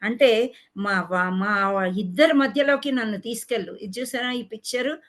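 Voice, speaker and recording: A woman's voice: fairly high pitch, moderate pace, fairly bright tone. A woman teaching a spiritual class on scripture, asking questions and answering them herself, mixing English words into her explanations.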